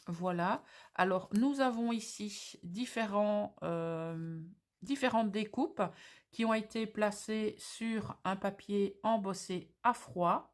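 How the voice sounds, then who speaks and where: A woman with a Belgian French accent who hosts a crafting channel and presents craft pieces in a slow, descriptive way with frequent fillers. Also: mid-range voice. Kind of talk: presenting craft mail on camera.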